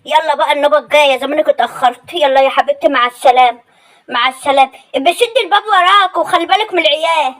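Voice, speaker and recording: A very high-pitched, fast-talking Egyptian mother-in-law , played by a woman in a comedy sketch. She nags and scolds without pause, ordering everyone around and complaining endlessly. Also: a bit bright. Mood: sulky. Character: nagging, demanding older mother-in-law.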